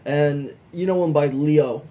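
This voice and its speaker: A man's voice: fairly high pitch, unhurried, warm tone, dull audio. A man narrating a tabletop horror game as game master, loose and joking with many fillers.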